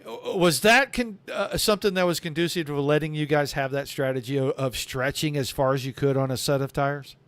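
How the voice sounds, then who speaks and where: Man, race commentator, excitable play-by-play, high voice, clean dry sound. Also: brisk, few pauses, smooth, no room sound.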